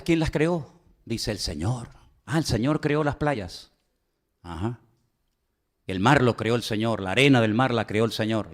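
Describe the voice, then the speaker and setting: A man preaching a sermon to his congregation, telling humorous stories and acting out conversations. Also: fairly high pitch. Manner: humorous storytelling, acting out dialogue in his own voice; conversational, addresses the congregation directly. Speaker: pastor.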